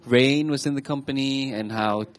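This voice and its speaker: Telling personal anecdotes to an audience on a stage talk show, a Thai man in his twenties speaks in a mid-range voice. He is chatty but halting, repeatedly restarting what he says.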